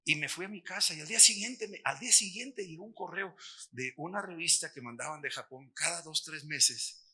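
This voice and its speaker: Animated Mexican man preaching, bright voice. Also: fairly high pitch, brisk, slightly rough. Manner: animated storytelling, acts out dialogue. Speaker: missions workshop speaker. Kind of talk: testimony sermon.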